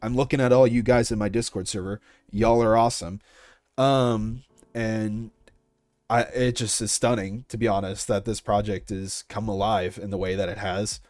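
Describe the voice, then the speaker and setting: Being interviewed about an audio project he made, a man in his twenties answers loosely and thinks aloud. His low, darkish voice holds a steady tone at moderate speed, and the recording is dry.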